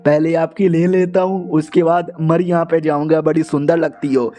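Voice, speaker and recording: A man's voice: on the high side, flat delivery, moderate pace, mellow, lightly acted. A man voicing a crude, lecherous fat man who drawls and gloats. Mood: leering.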